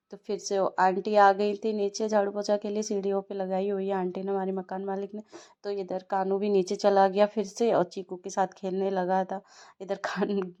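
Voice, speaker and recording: A woman's voice: mid-range voice, dark tone, muffled recording. A young woman, a mother casually narrating her day at home, chatty and telling stories with small laughs.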